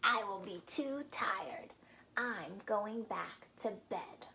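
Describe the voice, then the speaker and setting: A woman voicing a sleepy, grumpy male toad from a storybook, with slow, drawn-out, weary speech. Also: medium pitch, lively intonation, vocal fry, bright, forceful tone, a little hiss or hum, exaggerated voice.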